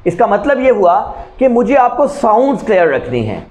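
A man gives a spoken-English grammar lesson in a high voice. He explains each rule step by step and keeps putting questions to his students. He speaks as a teacher recording a lesson video. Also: sing-song, moderate pace, a little mellow, muffled recording.

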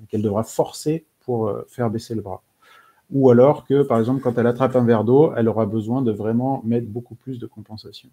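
A man presenting in an online webinar, pausing often with fillers and restarts as he explains. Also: mid-range voice, warm tone. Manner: halting, many fillers and restarts. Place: webinar call.

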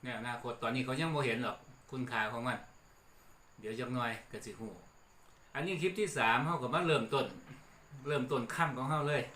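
A middle-aged man with an Isan accent, hosting a relaxed lesson on old regional words and chuckling between points. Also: mid-range voice, brisk. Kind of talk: casual explanatory talk. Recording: echoey room with faint background noise.

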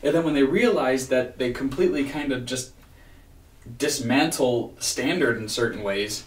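A man in his thirties giving a casual, rambling video-diary rant, weary and frustrated, with halting restarts. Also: mid-range voice. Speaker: vlogger. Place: small home room with bookshelf, indoors. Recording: roomy echo, distant microphone.

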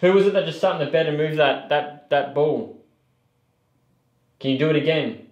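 Heard in a muffled recording, a man in his thirties with a fairly high, slightly mellow voice speaks at normal speed. As a paranormal investigator, he insistently interrogates unseen spirits and comments to camera in an echoing bare basement at night.

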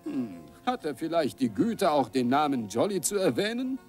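A man's voice: a little high, sing-song, normal speed, darkish tone. A man voicing a sarcastic, grumbling talking horse making mocking asides in a dubbed cartoon. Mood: peeved. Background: music.

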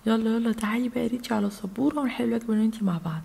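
A woman's voice: on the high side, fairly even intonation, racing, vocal fry, mellow, breathy edge, exaggerated voice. A woman voicing a lovestruck toy schoolboy. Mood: eager. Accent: Egyptian Arabic.

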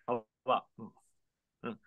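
A man's voice: slow pace, narrow, tinny audio. A man joining remotely by phone, repeatedly checking whether he can be heard. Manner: repeats himself, fussing over the connection. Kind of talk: casual audio check. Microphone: phone on a video call.

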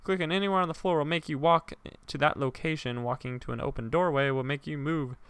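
A young man giving let's-play commentary, joking, swearing and shouting as he reacts to the game. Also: a little high, smooth, dry recording. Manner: jokey, profane, quick to shout. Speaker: gaming YouTuber.

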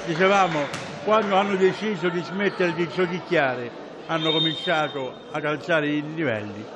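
A man giving live handball commentary, pausing as he searches for names and words. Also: fairly high pitch. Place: indoor sports hall, at courtside. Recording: loud sports hall noise, bouncing balls. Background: loud gym ambience and ball bounces.

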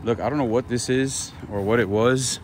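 Touring a small town outdoors, a travel vlogger chats casually and marvels aloud at what he sees. His medium-pitched voice has a darkish tone, fairly even intonation and a moderate pace, and the recording picks up vehicle and ambient noise.

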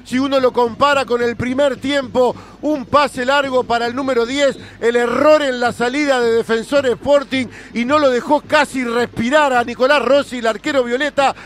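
A man's voice: very high voice, fairly bright tone. A Uruguayan man giving emphatic colour commentary on a live radio football broadcast.

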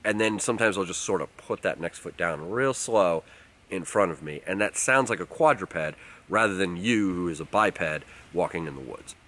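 Low-voiced man teaching in the woods. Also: moderate pace, a little hiss or hum. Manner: relaxed, explanatory, uses fillers like um and like. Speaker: outdoors channel host. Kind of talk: casual outdoor how-to talk to camera. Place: outdoors in a leafy winter forest.

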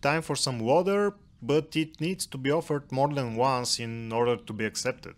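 A man giving calm voice-over narration for a walk with his cat, with a dry, gently humorous manner. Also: mid-range voice, moderate pace. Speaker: cat vlogger narrating a hike.

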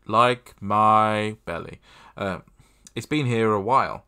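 Young man, fairly low voice, casual game commentary, reads text aloud, dry self-mocking asides, desk mic. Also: slow, pushed and bright, clean tone. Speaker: gamer playing a text adventure. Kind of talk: casual let's-play commentary.

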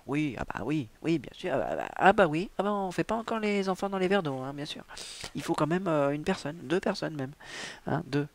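A man's voice: medium pitch, gravelly. A man reading a novel aloud, breaking off into digressive, teasing asides full of stock fillers. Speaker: reader and host.

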